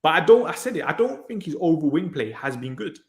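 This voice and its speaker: A man talks football in a slightly higher voice, hedging his points with casual fillers. His voice carries the echo of a roomy space around him. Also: big pitch swings, fast. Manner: hesitant, fillers like "kind of thing" and "innit". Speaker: co-host pundit. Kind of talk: casual football reaction chat. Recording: echoey room.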